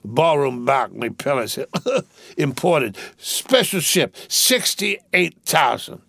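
A man's voice: lowish voice, lively intonation, slow, vocal fry, no echo, voice pushed down, heavily acted. A man voicing a drunken, boastful rich young man who slurs, rambles and keeps breaking into laughter. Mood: drunk giggly.

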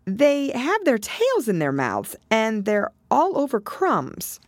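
A ponderous old storybook turtle, played by a woman, gloomy and easily offended. He draws his words out solemnly, with very wide slides in pitch. The recording is dry. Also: huge pitch swings, no room sound, heavily acted. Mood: drowsy, ponderous. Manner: slow, drawn-out, solemn. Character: ponderous, touchy, melancholy old male Mock Turtle.

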